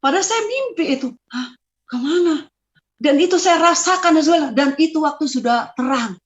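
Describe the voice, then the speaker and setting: A woman's voice: sits high, lively intonation, moderate pace. A middle-aged woman giving a personal testimony, telling her story with strong feeling, her voice at times rising and breaking. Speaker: testimony speaker. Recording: slightly dull lo-fi sound.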